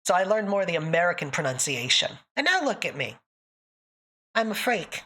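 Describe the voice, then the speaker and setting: A woman from northern Canada chats casually with viewers on her livestream, answering them with frequent jokes and laughter. Her thick accent sounds put-on. She speaks a little fast in a fairly low, sing-song voice that is fairly bright with a breathy edge.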